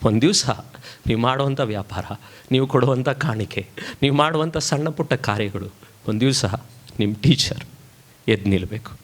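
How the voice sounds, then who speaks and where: A middle-aged man preaching a sermon as a pastor, with a Kannada accent, moving between loud exhortation and hushed storytelling. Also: mid-range voice.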